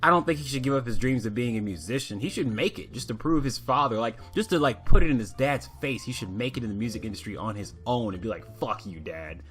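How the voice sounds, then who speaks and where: A man's voice: medium pitch, expressive, fast talker, few pauses, fairly bright tone, soft background music. A man reviewing a cartoon in a casual, rambling rant, swearing freely and filling his talk with "like". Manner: rambling, profane, fillers.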